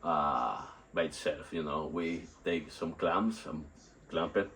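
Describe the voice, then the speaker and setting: Very deep-voiced man, sick and halting. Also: a bit bright, a little hiss or hum. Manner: halting, rambling, repeats and searches for words. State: sick and nauseous. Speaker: home workout vlogger. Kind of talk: casual unscripted workout vlog. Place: outdoors in a still yard under a tarp. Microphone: phone on a tripod.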